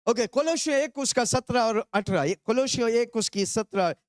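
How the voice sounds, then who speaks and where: A man from India preaching a call-and-response sermon, telling the congregation to repeat phrases and shouting hallelujahs. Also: very high-pitched, animated, normal speed, no echo, studio quality.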